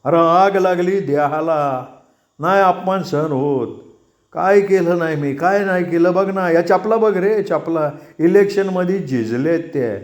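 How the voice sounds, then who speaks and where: A man's voice: on the high side, measured pace, lightly acted. A man voicing a drunk, aggrieved middle-aged male party worker who rants in rustic, self-pitying speech. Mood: indignant.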